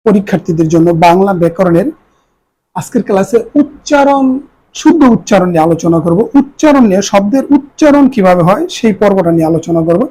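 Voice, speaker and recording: A woman teacher gives a pronunciation lesson, slowing down and repeating each example word for her students. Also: medium pitch, mellow, slightly rough, rough recording. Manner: repeats words for students to follow. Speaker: Bengali grammar teacher. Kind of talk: classroom lesson.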